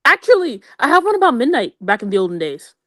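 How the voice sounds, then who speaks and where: A young woman with a high, lively voice that swoops all over as she tells gossip to her friends. Her delivery is animated and loose, thick with slang and quick asides. The sound is close and dry, with no room around it. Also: dry recording. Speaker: storyteller among friends. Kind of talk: casual chat.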